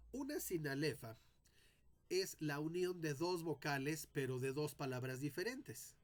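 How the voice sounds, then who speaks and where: A man teaching a lesson on poetic meter, speaking deliberately and sounding out syllables one by one as he explains. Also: fairly high pitch. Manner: addresses students directly.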